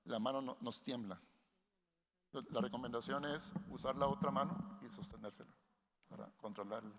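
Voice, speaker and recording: A man giving a workshop lecture to researchers in a measured way, often restarting phrases and linking ideas with "entonces". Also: medium pitch, fairly bright tone. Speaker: workshop instructor. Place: conference hall. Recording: long hall reverb.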